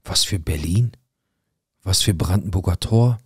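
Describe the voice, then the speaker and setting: A man's voice: low-pitched, a little slow, slightly rough, no echo, studio quality, full character voice. A man voicing his exasperated father, incredulous and rising into outrage, in a true story. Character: exasperated father, middle-aged man, fed up.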